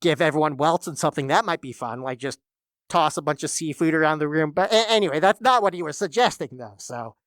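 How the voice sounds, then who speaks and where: Low-voiced wry woman reacting. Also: expressive, dry recording, clean studio sound. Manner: musing, halting, wry. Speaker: reaction video host. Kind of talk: casual reaction commentary.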